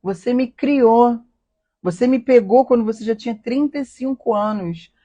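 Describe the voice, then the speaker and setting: A woman's voice: on the high side, normal speed, mellow. Earnest, emotional Rio woman host. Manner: emotional, earnest, rhetorical questions. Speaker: host of a live stream. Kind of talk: confessional personal talk.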